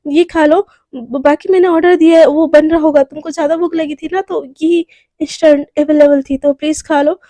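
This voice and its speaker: A nervous young woman , put on by a storyteller, who stumbles over her words and keeps apologizing. Her voice sits high and soft-toned, recorded close and dry in a spoken storytelling video. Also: fairly even intonation, moderate pace, no room sound, lightly acted. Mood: soothing. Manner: stammering, repeats herself nervously. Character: flustered apologetic young woman, eager to please.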